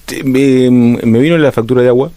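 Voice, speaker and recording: A man in his thirties with an Argentine accent, talking thoughtfully as a radio columnist, often pausing and restarting. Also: medium pitch, dark tone. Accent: Argentine Spanish. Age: 30s. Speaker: guest columnist. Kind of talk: casual radio talk. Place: radio studio.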